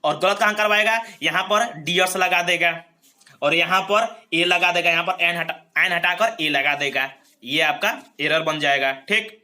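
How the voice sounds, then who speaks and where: High-pitched guy with a really bright sharp voice teaching grammar, keeps checking in with the class. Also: moderate pace. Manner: drills points, checks in with frequent "theek". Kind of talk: exam-prep grammar lesson. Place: recorded lesson video.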